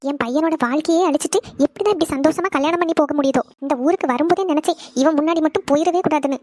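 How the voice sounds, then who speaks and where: A woman voices a bitter, scornful middle-aged mother in a cartoon, speaking. The voice is very high and quick, harsh and contemptuous, and sits close and dry on the mic. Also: darkish tone, dry recording, close to an everyday voice. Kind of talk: cartoon voice acting.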